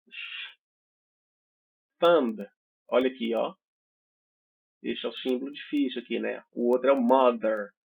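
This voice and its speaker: This Brazilian man has a husky, medium-pitched voice with vocal fry and a Brazilian Portuguese accent. Teaching English online, he explains patiently and checks in with students through frequent "certo?" and "né?", all heard through tinny, phone-like audio.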